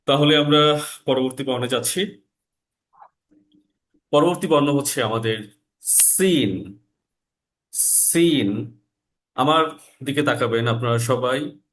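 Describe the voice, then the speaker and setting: A man teaching Quran recitation in an online class, explaining letter sounds and repeating them slowly for learners. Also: medium pitch, a bit bright, poor audio. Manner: slow, drawn-out recitation. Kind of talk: online lesson, slow and explanatory.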